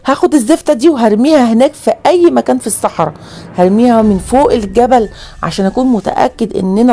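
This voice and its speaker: A woman with an Egyptian accent voicing a worried, stern middle-aged father who speaks firmly in a lowered voice. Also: mellow. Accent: Egyptian Arabic.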